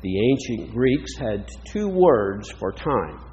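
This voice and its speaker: A man delivers a reflective sermon at a slow, deliberate pace, his pitch moving expressively through each phrase. His voice carries the long reverb of a large hall. The recording sounds muffled and lo-fi. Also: very animated, a little mellow. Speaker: preacher.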